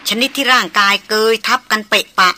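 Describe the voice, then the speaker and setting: Bright-voiced woman narrating a novel. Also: mid-range voice. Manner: even, measured storytelling. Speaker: audiobook narrator.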